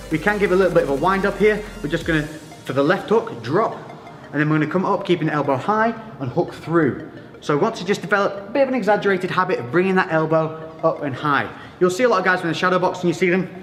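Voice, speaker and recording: Male boxing coach, slightly high voice, informal step-by-step workout instruction, reverberant space. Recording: echoey reverberant room with music.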